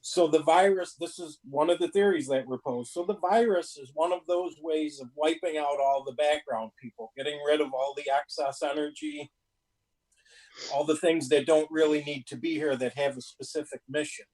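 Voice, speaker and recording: A man's voice: fairly high pitch, normal speed, darkish tone, rough recording. A man chatting casually on a paranormal talk show in a folksy, colloquial, rambling way. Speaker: panelist on a paranormal live show. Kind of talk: casual chat.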